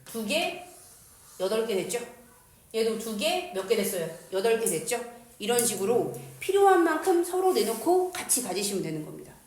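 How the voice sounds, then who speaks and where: Her voice is fairly high and darkish, with a sing-song lilt at a moderate pace. She runs a playful chemistry lecture in an echoey room, using slang and crude jokes while posing questions to the class and supplying the answers herself.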